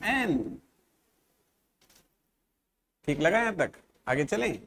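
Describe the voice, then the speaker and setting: A man teaching an exam-prep English grammar lesson, sounding out letters and words slowly and checking often that his students follow. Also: a little high, big pitch swings, a bit bright.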